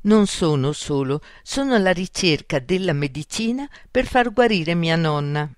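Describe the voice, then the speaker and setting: Storybook: woman playing a small scared boy, polite, high little voice; dry. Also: lively intonation, a little slow, no echo.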